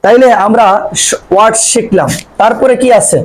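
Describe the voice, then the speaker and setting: High-voiced man teaching a class. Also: expressive, normal speed, rough recording. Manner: asks students questions and answers them himself, repeating key terms. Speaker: English teacher. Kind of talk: classroom lecture.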